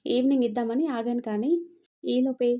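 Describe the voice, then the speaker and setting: A woman narrating an audio story in a steady, expressive reading. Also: a little high, normal speed, highs cut off.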